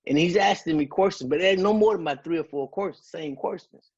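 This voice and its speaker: A guest speaker gives an emotional personal testimony, telling his story with earnest conviction and quoting dialogue. His voice is a little high, brisk, darkish and husky, heard through lo-fi sound.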